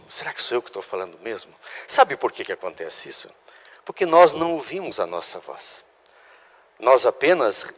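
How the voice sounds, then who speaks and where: A man's voice: mid-range voice, fairly bright tone. A man with a Brazilian Portuguese accent teaching a class on legal public speaking, emphatic, restarting words and asking the class questions. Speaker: law school oratory instructor. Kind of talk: classroom lecture. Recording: long reverb of a hall.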